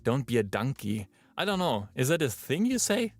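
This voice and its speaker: A male voice actor, chatting and thinking out loud during a live-streamed recording session in his booth. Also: mid-range voice, very animated, moderate pace, dry recording. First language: German. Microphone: booth microphone.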